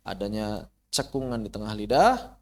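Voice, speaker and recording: A man's voice: lowish voice, big pitch swings, moderate pace. A man with an Indonesian accent teaching an online Quran recitation lesson. He drags out syllables to show how they sound and asks and answers his own questions. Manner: casual, mutters to himself while fixing slides.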